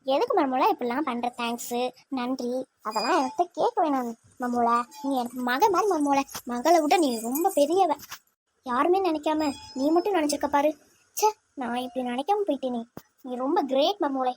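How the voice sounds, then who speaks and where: A woman's voice: sits high, moderate pace, a little mellow, a little hiss or hum, lightly acted. A woman voicing a fond, scolding middle-aged mother-in-law in a cartoon, with a Tirunelveli Tamil accent. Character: doting middle-aged mother-in-law, bossy with her son. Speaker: cartoon character.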